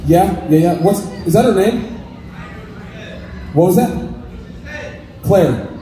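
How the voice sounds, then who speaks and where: High-pitched male stage hypnotist on echoey PA. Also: lively intonation, slow, a little hiss or hum. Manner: repetitive, suggestive commands to volunteers. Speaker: stage hypnotist and show host. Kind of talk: live stage hypnosis show patter. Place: covered open-sided fairground stage. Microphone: handheld mic through PA speakers. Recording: echoey PA filmed from the audience. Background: loud music and crowd chatter.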